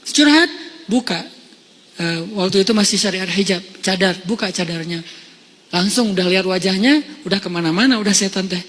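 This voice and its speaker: A high-pitched man gives a sermon as a casual, lively story, acting out each voice. His words echo through a long hall reverb. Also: moderate pace. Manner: lively, conversational, acts out quotes. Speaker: preacher.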